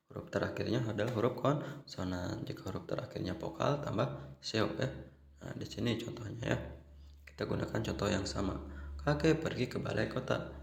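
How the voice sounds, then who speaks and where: Gravelly man teaching Korean grammar. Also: lowish voice, roomy sound. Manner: repeats "ya" and "nah" constantly, patient step-by-step explaining. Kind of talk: explanatory online lesson.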